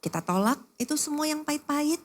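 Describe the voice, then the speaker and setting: A woman pastor preaching an animated sermon, often calling out to the women in the congregation and acting out little scenes of everyday chatter. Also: sits high, fast talker.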